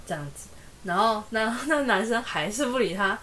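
A woman's voice: fairly high pitch, animated, normal speed, a bit bright, slight background noise. A woman, co-hosting a casual podcast chat and retelling a story with acted-out quotes. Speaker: podcast co-host.

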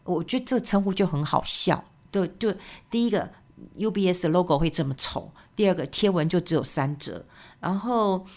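A woman hosts her own podcast in a casual, rambling monologue. Her voice sits fairly low and has a gravelly, fry-touched texture. She keeps the talk loose and chatty, sprinkling in tag particles and fillers. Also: normal speed. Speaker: podcast host.

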